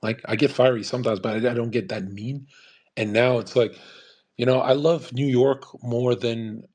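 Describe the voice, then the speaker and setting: A man with a husky, breathy voice of ordinary pitch hosts a podcast. He talks in a loose, rambling monologue, swearing often and tossing in "man" and "bro". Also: fairly even intonation, normal speed, a little mellow. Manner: profane, rambling rant with frequent "man" and "bro". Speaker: podcast host.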